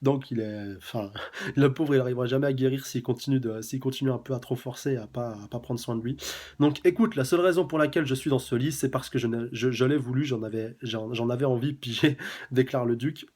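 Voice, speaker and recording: A man giving a casual live review of a comic chapter, reading its dialogue aloud in a chatty, halting way with many fillers. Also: medium pitch, fairly even intonation, darkish tone. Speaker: manga reviewer.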